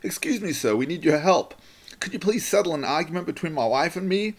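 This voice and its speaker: A man's voice: on the high side, lively intonation, brisk, voice pushed up. Man putting on a stubborn gloating husband. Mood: pleading. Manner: insistent, gloating.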